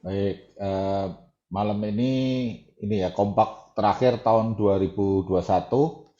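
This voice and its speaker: A man's voice: on the low side, steady tone, a little slow, dark tone, roomy sound, muffled recording. A man hosting a church men's meeting on a call, casually thanking members and handing over to the next leader. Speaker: host of the meeting.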